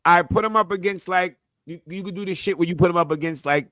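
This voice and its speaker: A man's voice: high voice, fast, over a noisy crowd. A man hosting a casual sports debate, talking bluntly with plenty of slang and swearing. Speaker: show host.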